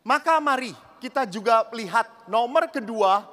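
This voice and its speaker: A man, a priest, giving a humorous seminar sermon in a lively storytelling manner, addressing the audience directly. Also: very high voice, measured pace, long reverb tail.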